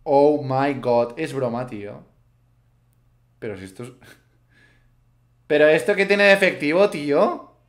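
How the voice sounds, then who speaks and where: Excitable young gamer, slightly high voice. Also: male voice, unhurried, long pauses. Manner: chatty, swings from muttering to excited shouts. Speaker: gaming youtuber. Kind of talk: live gameplay commentary.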